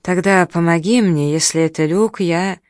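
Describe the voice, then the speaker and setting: A man's voice: a little high, normal speed, no room sound, clean studio sound, natural voice. Ramsey, a reader voicing a brooding young man. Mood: sulky. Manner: sulky, brooding. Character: Ramsey, grumbling young man, moody and self-pitying.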